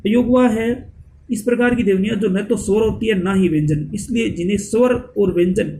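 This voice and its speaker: A man's voice: high-pitched, brisk, vocal fry, mellow, rough recording. A man giving a grammar lesson, reading out definitions and listing letters one at a time, sometimes correcting himself. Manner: reads definitions, then lists letters one by one, self-corrects. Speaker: Hindi grammar teacher. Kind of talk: classroom-style grammar lesson.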